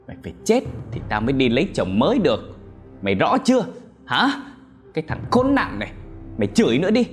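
A man doing a cold-blooded village wife in a story reading, shrieking abuse high and loud with a shrill, spitting fury. Her voice leaps far above the narrator's own, hammering each insult. Soft music plays underneath. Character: cruel scheming village wife, shrieking in rage.

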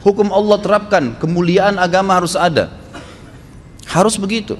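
Forceful high-voiced male preacher in a hall. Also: moderate pace. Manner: forceful, admonishing, rising to sharp high emphasis. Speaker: Islamic preacher. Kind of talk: sermon. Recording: long hall reverb, faint room noise.

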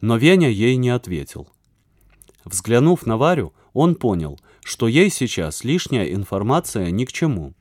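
A man narrating a children's adventure audiobook in an expressive storytelling manner. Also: medium pitch, a little slow, dry recording, studio quality. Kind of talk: scripted narration.

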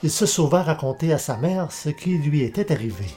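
A man reading a folk tale aloud as narrator, in a measured, even storytelling manner. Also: a little high, soft background music.

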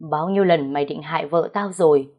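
A man's voice: fairly high pitch, a little fast, muffled recording, natural voice. Woman doing angry young master, hissing, accusing.

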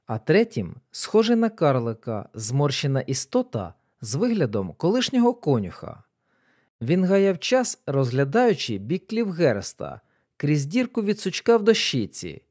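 A man narrating an audiobook in an expressive, scripted reading. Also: a little high, unhurried.

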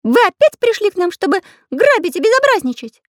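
Lady doing a super high eager little painter dude, bouncy. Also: big pitch swings, normal speed, dry recording, studio quality. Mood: excited. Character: excitable boy-like magic painter.

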